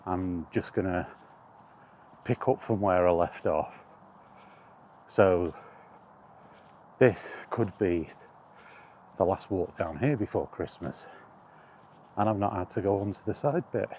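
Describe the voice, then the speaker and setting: Walking outdoors, the host of a retro gaming walk-and-talk vlog chats casually in a low, slightly mellow voice with lively intonation. He thinks aloud slowly in short, broken phrases with long pauses, and there's a little hiss or hum in the recording.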